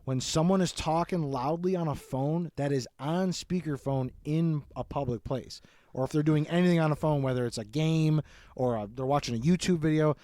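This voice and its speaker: A man's voice: a little high, normal speed, dry recording. A man co-hosting a casual podcast, ranting about pet peeves with lots of swearing. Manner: profane, ranting, animated. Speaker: podcast co-host.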